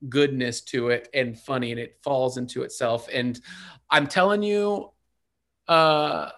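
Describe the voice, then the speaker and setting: A man's voice: mid-range voice, measured pace, fairly bright tone. Male co-host, casual and enthusiastic, rambling delivery. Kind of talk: casual chat.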